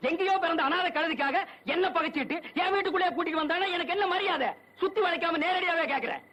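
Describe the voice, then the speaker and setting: A man's voice: very high-pitched, quick pace, pushed and bright, a little hiss or hum. An actor playing a threatening older village man who sneers and hurls accusations at his family. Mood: accusing. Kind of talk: 1980s film drama acting.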